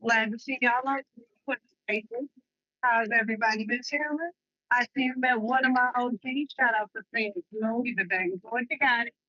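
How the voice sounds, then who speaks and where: A woman gives friendly shout-outs in a casual live voice chat. Her mic sounds dry and muffled, with little room around it. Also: fairly high pitch, moderate pace, no echo. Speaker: chat participant.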